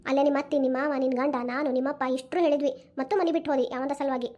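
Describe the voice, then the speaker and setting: A woman's voice: sits high, steady tone, rapid-fire, dark tone, highs cut off, lightly acted. A woman voicing a stern, unforgiving old village mother in a cartoon, scolding with a North Karnataka accent. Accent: North Karnataka Kannada. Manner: scolding, lecturing. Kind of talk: cartoon voice acting.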